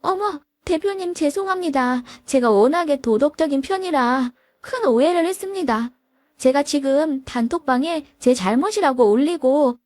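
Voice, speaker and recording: A woman voicing a spiteful young female lawyer who talks down to her sister-in-law with shrill scorn. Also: very animated, normal speed, dry recording. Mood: flustered.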